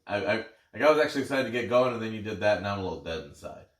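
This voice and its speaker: Male podcast co-host, deep voice, loose sweary sports chat that wanders, recorded off-mic in a reverberant room. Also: expressive, rapid-fire, a bit bright. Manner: rambling, sweary, self-deprecating. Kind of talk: casual sports banter. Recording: echoey room, distant from mic.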